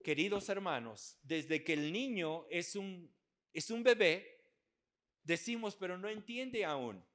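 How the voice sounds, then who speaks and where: An older man preaching an earnest sermon at a church men's conference, rising into loud, emphatic passages. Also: high voice, lively intonation, a little slow, hardly any pauses.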